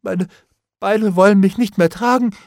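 A man voicing a cowardly, frightened bailiff in an audiobook, pleading in a high, whining voice broken by gasps and whispered prayers. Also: wildly swooping pitch, moderate pace, breathy edge, no room sound, studio quality, full character voice. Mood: desperate. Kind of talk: audiobook character reading.

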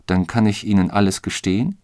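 A man's voice: on the low side, fairly quick, clean tone, no echo, studio quality, lightly acted. Man doing a scheming, pushy detective. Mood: insistent. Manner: pressing, hushed and conspiratorial. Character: scheming insistent male police detective, adult.

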